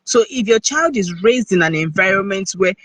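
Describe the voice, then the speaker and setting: A man's voice: high-pitched, lively intonation, moderate pace, a bit bright, breathy edge, no room sound, low-quality recording. A man with a Nigerian accent speaking as a guest on a video-call live stream, earnest and conversational, often checking in with the listener. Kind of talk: casual live-stream talk.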